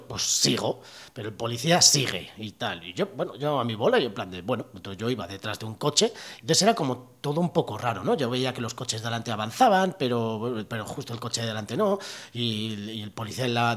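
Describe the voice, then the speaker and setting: Young man, Spanish accent from Spain, casual storytelling, slangy, lots of fillers, lively quoted lines. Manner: chatty, full of fillers and slang; acts out quoted dialogue with sharp pitch jumps. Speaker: podcast host.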